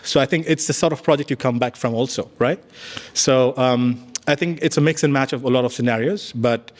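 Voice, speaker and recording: Man, conference panelist, thoughtful, mid pitch, "right?" tags. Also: a little mellow, in a large hall. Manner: thoughtful, tag questions "right?". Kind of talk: panel discussion answers.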